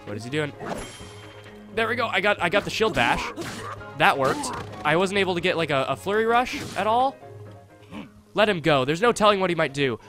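A young man giving casual gameplay commentary, chatty and thinking aloud, with excitable reactions. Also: high-pitched, moderate pace, long pauses, music in the background. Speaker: let's play host. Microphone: desktop USB condenser mic.

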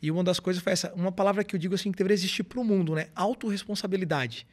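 Fast-talking, high-voiced man. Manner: animated storytelling, acts out quoted dialogue. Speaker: guest speaker. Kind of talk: podcast interview.

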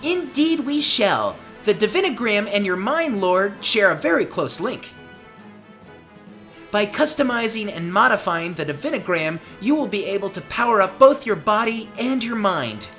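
A woman with a natural, mid-range, fairly bright voice speaks at normal speed with lively intonation, faint music behind her. She plays a chirpy young angel girl in a video game who serves her lord, explaining things in formal, deferential language. Her mood is bright and eager.

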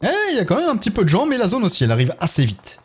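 Lively French-accented male streamer. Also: high voice, rapid-fire, slightly rough. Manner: chatty, thanks viewers one by one while playing. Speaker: game streamer. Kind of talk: casual live-stream chat.

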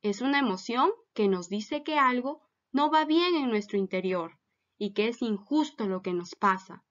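A woman's voice: a little high, animated, normal speed, fairly bright tone, dull audio. A woman teacher giving a recorded lesson for children, patiently asking them many questions.

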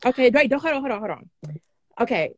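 Woman, bubbly fan caller on a phone live stream, gushing and fast-talking. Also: on the high side, expressive, no room sound. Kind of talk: excited casual chat.

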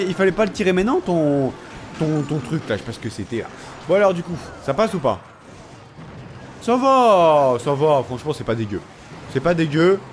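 A young man with a fairly high, very lively voice comments on his game in a relaxed, casual way. His throat is sore and a little strained, and he keeps teasing his opponent. Faint music plays underneath the recording. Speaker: gaming video creator.

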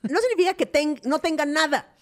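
A woman's voice: high-pitched, lively intonation, fairly quick. A woman with a Mexican accent co-hosting a podcast in casual chat, laughing often and acting out quoted lines. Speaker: podcast co-host.

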